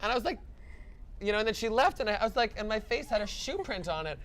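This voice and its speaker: A man, a stand-up comedian, chatting casually in an interview, playful and quick to joke. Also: sits high, lively intonation, a bit bright, a little hiss or hum.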